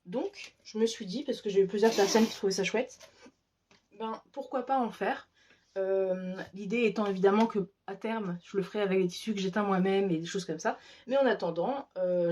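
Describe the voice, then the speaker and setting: A woman with a mellow, husky, medium-pitched voice vlogs about crafts, showing off her handmade pouches. She chats casually and enthusiastically, with lots of fillers, in a show-and-tell style.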